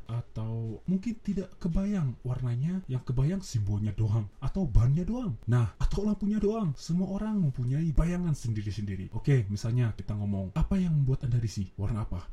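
A man's voice: medium pitch, warm tone, husky. A man, a trainer recounting a coaching session as he walks listeners through the steps and counts down. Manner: recounts sessions, playing both himself and client; counts down and gives step-by-step instructions. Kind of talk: recorded seminar talk.

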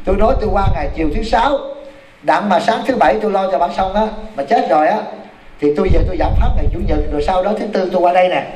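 A man, a Buddhist monk, telling a story in a dharma talk and calling out to his listeners. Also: fairly high pitch. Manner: animated, exclaims to the audience. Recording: echoey hall from far off, noisy.

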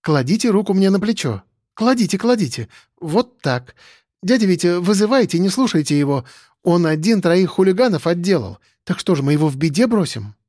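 A man's voice: high-pitched, very animated, brisk, darkish tone, no echo, studio quality, voice pushed up. A man voicing a young factory girl, eager and coaxing.

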